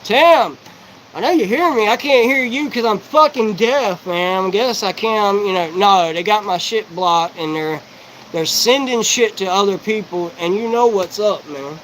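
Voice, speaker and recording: A man in his forties talking on a live stream in a rapid, profane, rambling and disjointed monologue. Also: high-pitched, a bit bright, slight background noise, rough recording. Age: 40s. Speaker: livestreamer.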